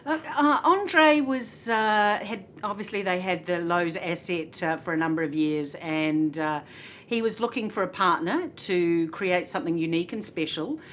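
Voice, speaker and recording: Chatty New Zealand woman, slightly low voice. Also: normal speed, fairly bright tone, a little hiss or hum. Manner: chatty, laughs often, many filler uhs. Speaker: hotel executive guest. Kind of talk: casual interview chat. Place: hotel.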